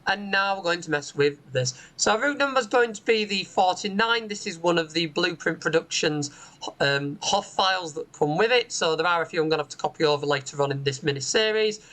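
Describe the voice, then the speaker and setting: Brisk and expressive, a bus simulator channel host with a medium-pitched, fairly bright voice offers casual, explanatory gameplay commentary peppered with "um." The low-quality recording comes from a home room with a window onto a street.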